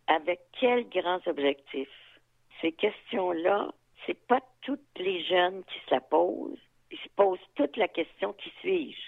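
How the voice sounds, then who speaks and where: A woman in her seventies, an activist with a Quebec French accent, speaks in a lowish voice with vocal fry, animated yet unhurried. In a reflective interview, she talks frankly and thoughtfully, with fillers and asides. The sound comes through a tinny phone line.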